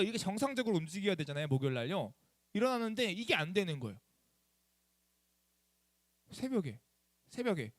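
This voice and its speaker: A man's voice: high-pitched, no echo, clean studio sound. A young man preaching to teenagers as their youth pastor, telling a personal story in a chatty way and asking them questions. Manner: animated, chatty, asks the students questions. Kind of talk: lively youth sermon storytelling.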